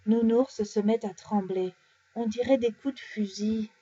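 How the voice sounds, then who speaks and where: A French-speaking woman reading bedtime stories aloud, animated and changing her voice for each character. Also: a little high, unhurried, slightly rough. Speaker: storyteller. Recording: dull lo-fi recording.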